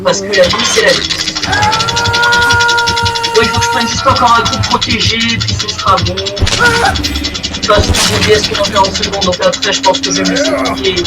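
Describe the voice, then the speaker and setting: A young man giving crude, excitable commentary while he plays a game, swearing often. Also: high voice, brisk, long pauses, recorded from a distance, rough recording. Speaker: gaming video creator. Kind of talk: playing commentary. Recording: voice set back from the mic, game music behind.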